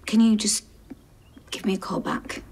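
A woman leaving a hesitant, pleading voicemail message, heard over a phone line with fillers and pauses. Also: mid-range voice, creaky, darkish tone, a little hiss or hum. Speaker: caller.

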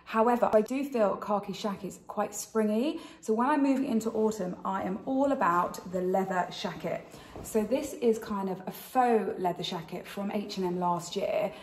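A British woman chats to camera as a fashion vlog host. Wearing retainers slightly affects how she forms her words. Her voice sits at a middling pitch, with the noticeable echo of a kitchen around it. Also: moderate pace, a little mellow, slight background noise. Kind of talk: chatty styling vlog. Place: indoors in a kitchen.

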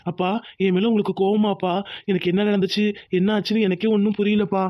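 An earnest young son from a cartoon, as a man voices him, pleading hard with a high, quick voice. The sound is dry and dull, lo-fi. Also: level tone, no room sound, lightly acted. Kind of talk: cartoon dubbing. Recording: dull lo-fi audio.

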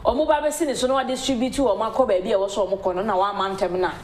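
A woman's voice: mid-range voice, fairly even intonation, fast talker, a little mellow, a little hiss or hum. A woman in her thirties with a Ghanaian accent hosting a TV show, reviewing newspapers in casual chat and often laughing as she talks, recorded on a lapel mic in a small studio. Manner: mixes languages freely, laughs often while talking. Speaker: TV show host. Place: small TV studio with large windows.

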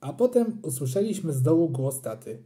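An audiobook reader narrating a children's story in an animated, playful way. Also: mid-range voice, moderate pace.

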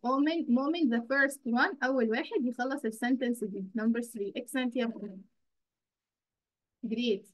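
A woman with an Egyptian Arabic accent teaching children English in an online class, praising them and drawing out English words slowly. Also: a little high, fairly bright tone, rough recording.

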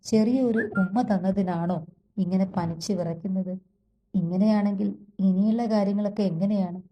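A woman voicing a possessive young man who speaks slowly in a low murmur, reading an audio story. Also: fairly even intonation, muffled recording, lightly acted. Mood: menacing. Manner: slow, low murmur close to the ear. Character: possessive young man menacing his captive.

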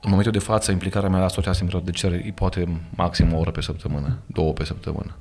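In a studio podcast conversation, a Romanian-accented man appears as pastor and guest, preaching earnestly and emphatically while quoting scripture. His voice is deep and darkish with little pitch movement, and soft music plays in the background.

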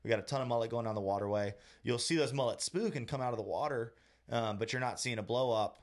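A fast-talking man in his thirties with a mid-range voice co-hosts a casual podcast chat and works as a fishing guide. He explains things step by step, often restarting, into a studio mic on a boom arm in a small room.

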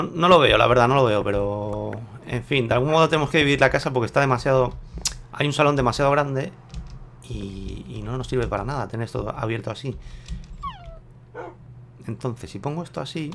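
A man talks casually to his viewers while he plays, unsure and thinking aloud. His voice is gravelly at a middle pitch. Faint keyboard typing sits behind his desk mic. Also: moderate pace, pauses often, a bit bright, a little hiss or hum. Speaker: gameplay video host. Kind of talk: casual gameplay commentary.

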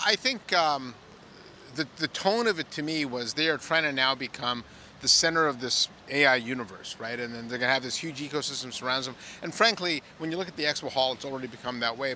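Brief: middle-aged man, mid-pitched, measured explainer, handheld mic, outdoor plaza. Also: pushed and bright, a little hiss or hum. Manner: measured, explanatory, some filler "uh"s. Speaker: industry analyst guest. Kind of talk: on-site analysis chat.

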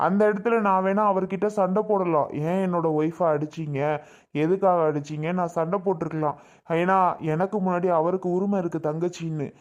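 A man's voice: sits high, fairly even intonation, fairly quick, dull audio, close to an everyday voice. A man playing a young husband who firmly stands up for his pregnant wife against her mother in a drama skit. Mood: reproachful. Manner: firm, reproachful.

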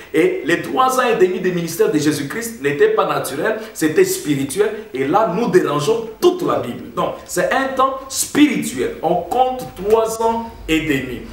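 Man, pastor, emphatic sermon, fairly high voice, distant from the mic. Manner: emphatic preaching, addresses congregation as brothers. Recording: roomy echo, heard from a distance.

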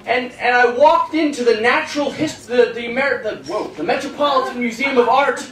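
Young guy doing standup, high voice, awkward self-deprecating stories, kinda far off and echoey in a club. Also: fairly quick, fairly bright tone. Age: eighteen. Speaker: stand-up comic. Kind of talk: stand-up comedy routine. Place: small comedy club stage, indoors. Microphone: handheld stage microphone, recorded from the audience. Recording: roomy club sound, distant, some noise.

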